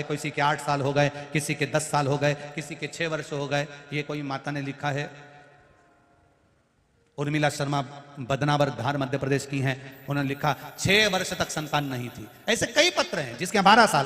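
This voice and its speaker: Emphatic male preacher in echoing hall. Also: a little high. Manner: emphatic, drawn-out words, swings between loud and hushed. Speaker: devotional storyteller-preacher. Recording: roomy hall reverb through PA.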